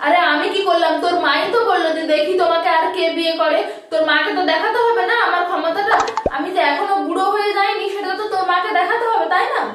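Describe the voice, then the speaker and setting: A woman's voice: very high-pitched, fast talker, fairly bright tone. A woman doing a smug teasing husband. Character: stubborn teasing middle-aged husband. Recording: echoey room, distant mic, noisy.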